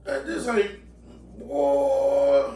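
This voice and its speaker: A woman's voice: sits high, fairly even intonation, very slow, creaky, dark tone, reverberant, distant mic, slight background noise. A woman joking rowdily with her family at a meal, cursing freely. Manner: rowdy, cursing. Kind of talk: casual family banter.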